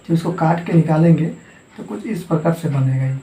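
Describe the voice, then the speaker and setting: A man's voice: a little high, brisk, dark tone. A man teaching a math lesson, who asks questions and answers them himself and repeats each term. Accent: Hindi-speaking eastern India, Jharkhand. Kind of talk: classroom lesson at a board. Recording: echoey room.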